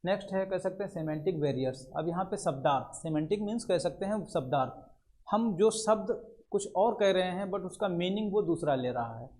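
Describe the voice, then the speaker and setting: A man's voice: high voice, animated, a little fast, darkish tone. A male lecturer, explaining terms in a classroom lecture and mixing in English words. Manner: explains terms in Hindi with many English words, repeats fillers.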